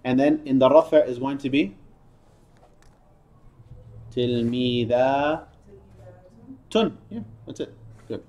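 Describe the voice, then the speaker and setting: A man's voice: mid-range voice, normal speed, mellow. A man teaching a class, drilling words and patiently correcting and praising students. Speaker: Arabic teacher.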